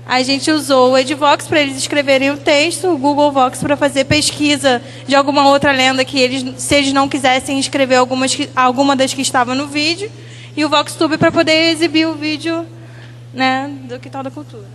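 High, bright woman teacher in a hall. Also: flat delivery, a little fast, slight background noise. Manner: hesitant, many fillers and restarts, reading from notes. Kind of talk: presentation of school activities.

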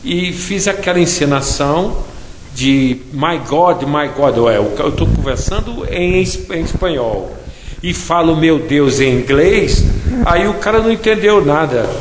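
A man's voice: fairly high pitch, lively intonation, measured pace, background noise. A man from Brazil with a Brazilian Portuguese accent, telling a story in casual chat and often adding tag questions. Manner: chatty, frequent tag questions. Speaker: interviewee. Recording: echoey hall with faint ambience.

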